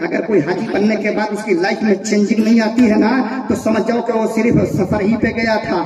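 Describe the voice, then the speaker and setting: A man's voice: sits high, level tone, fairly quick. A man preaching a fervent sermon at a large religious gathering, rousing the crowd to call back responses. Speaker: Islamic preacher. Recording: echoey, distant, dull PA recording with crowd.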